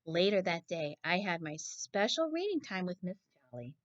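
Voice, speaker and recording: A woman reading a children's picture book at a moderate pace uses a fairly low voice with big pitch swings. Teacher-like and expressive, she regularly stops to ask the young listeners questions. No room sound is audible, and the quality is lo-fi.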